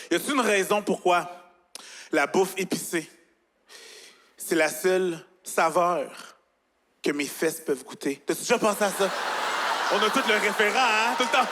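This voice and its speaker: A young man with a Quebec French accent doing an animated stand-up set on a large gala stage, talking straight to the audience. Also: high-pitched, a little hiss or hum. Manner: animated, chatty, addressing the audience directly. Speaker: stand-up comedian. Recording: reverberant live hall, faint ambience.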